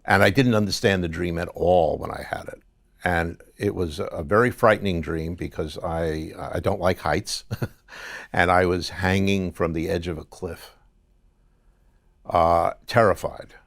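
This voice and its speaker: A middle-aged man interviewed as a guest, telling his story in a halting conversational way with many restarts. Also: deep voice, steady tone, vocal fry, no room sound, studio quality. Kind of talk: conversational testimony.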